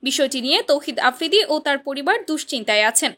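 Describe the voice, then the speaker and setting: A woman's voice: sits high, lively intonation, fast talker, fairly bright tone. A woman with a Bangladeshi accent reading a scripted celebrity news report to viewers. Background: music.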